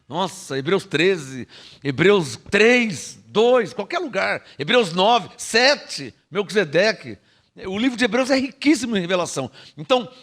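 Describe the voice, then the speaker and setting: A man with a Brazilian Portuguese accent preaching a sermon, teaching with rhetorical questions and having the congregation repeat his phrases. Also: high-pitched. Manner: lively, frequent rhetorical questions and laughs.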